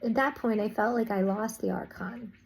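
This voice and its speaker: A woman's voice: fairly high pitch, moderate pace, a little mellow, a little hiss or hum, rough recording. A woman vlogger casually recounting a spiritual experience, rambling with restarts and "I was like" asides.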